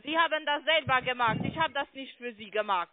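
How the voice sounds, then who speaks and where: A woman's voice: sits high, brisk, crowd noise. A woman cold caller speaking defensively in broken German. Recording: tinny phone line with faint noise.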